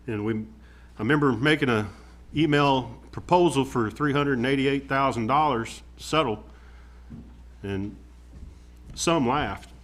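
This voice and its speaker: A man speaking off the cuff as a commissioner at a public meeting, halting and plainspoken. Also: medium pitch, fairly bright tone. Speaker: county commissioner. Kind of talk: spontaneous remarks at a public meeting.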